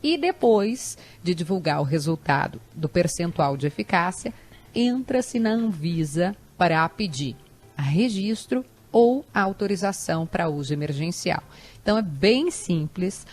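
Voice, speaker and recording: A woman co-hosting a radio talk show, explaining the news in a loud, hopeful, conversational way. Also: lowish voice, lively intonation, measured pace. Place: radio studio.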